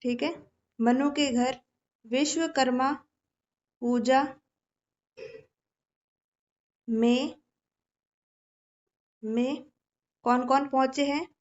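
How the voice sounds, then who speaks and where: A woman's voice: sits high, steady tone, very slow, pauses often, a little mellow, highs cut off. A woman teaching an exam-prep lesson, explaining patiently with memory tricks and often checking in with her students.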